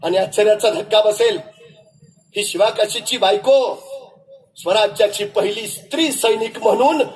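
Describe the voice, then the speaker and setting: A male motivational speaker tells a story with dramatic, rousing oratory. His voice sits unusually high. The delivery is impassioned and stagey. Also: moderate pace, rough recording.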